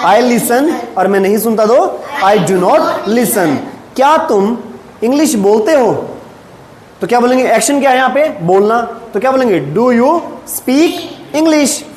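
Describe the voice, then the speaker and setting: A male English teacher, leading a classroom lesson and drilling short sentences slowly while asking students questions. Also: high-pitched, darkish tone. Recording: echoey classroom with faint room noise.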